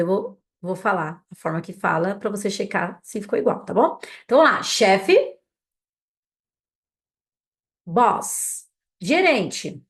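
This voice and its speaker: A native Portuguese-speaking woman teaching English vocabulary, drilling each word slowly for learners to repeat and checking in with them often. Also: mid-range voice. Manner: slow, patient drilling of words for learners to repeat; casual and encouraging, with frequent check-ins.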